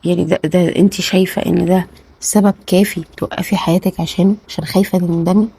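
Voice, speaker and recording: A woman life coach with an Egyptian Arabic accent gives relationship advice directly to camera, speaking earnestly and repeating words for emphasis. Her voice is lowish, gravelly, mellow and breathy-edged, with a flat, fast delivery and no echo.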